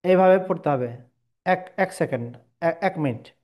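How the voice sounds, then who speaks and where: A man's voice: a little high, moderate pace, a little mellow. A man teaching Quran pronunciation step by step, patiently repeating each letter sound and stretching the vowels.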